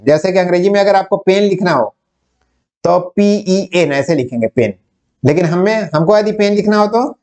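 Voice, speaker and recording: A North Indian man with a fairly high voice gives a Hindi lesson. He explains each point slowly and step by step, asking a question and then answering it himself. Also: a little mellow. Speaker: Hindi teacher. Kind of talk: whiteboard lecture.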